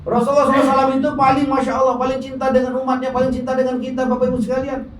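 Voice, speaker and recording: A man's voice: extremely high pitch, completely flat delivery, very fast. A man preaching a colloquial sermon to a gathering, often addressing the crowd directly, recorded from a distance in an echoing hall. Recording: echoey hall, distant mic, faint noise.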